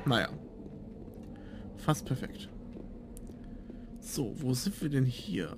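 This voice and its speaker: A man's voice: mid-range voice, sing-song, takes it slowly, noisy background. A man giving casual gameplay commentary as a let's player, musing aloud to himself. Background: game sound.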